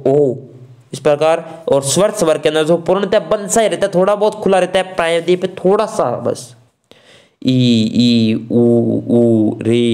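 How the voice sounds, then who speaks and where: A man's voice: a little high, a little mellow. A man teaching an online exam-prep grammar class from Rajasthan, talking casually to students as friends and sounding out vowel examples.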